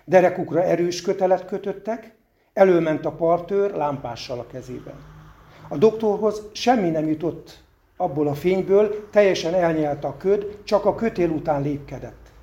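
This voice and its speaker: A man's voice: high-pitched, warm tone, muffled recording. A man reading a story aloud to listeners, with a few unpolished, self-deprecating asides at the end. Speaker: reader.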